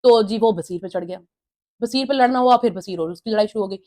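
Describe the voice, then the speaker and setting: A woman's voice: medium pitch, quick pace, a little mellow. A woman giving a casual, opinionated review of a reality show episode, retelling the housemates' quarrels and mimicking their lines.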